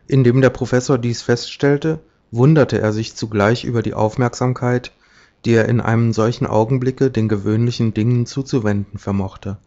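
A man narrates a classic story in a measured, even manner at a middle pitch. The recording is dull and lo-fi. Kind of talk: audiobook narration.

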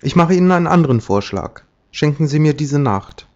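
A man putting on a gruff, sly innkeeper-fisherman. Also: fairly high pitch, expressive, brisk, a little mellow, pitched above the performer's own voice, natural voice. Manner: blunt, mocking, coaxing. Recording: dull lo-fi audiobook recording.

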